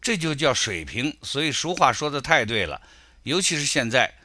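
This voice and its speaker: A middle-aged man delivers argumentative political commentary with a bright, forceful tone. His pitch swings in a lively way as he builds his case and tells anecdotes. The recording is dry and close, with no room sound. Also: normal speed, no echo. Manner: critical, argumentative, storytelling.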